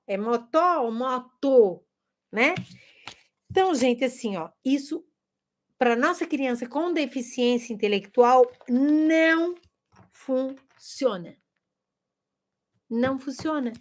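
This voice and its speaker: A woman's voice: high voice, animated, takes it slowly, long pauses. A woman giving a casual video lesson to teachers, demonstrating games to the camera and sounding out words. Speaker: teacher and educator. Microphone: camera facing her.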